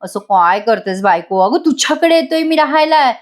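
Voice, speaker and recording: A woman's voice: sits high, animated, moderate pace. A woman voicing a lovesick, earnest young husband in a voice-over retelling of a TV serial scene, speaking in a pleading, affectionate way.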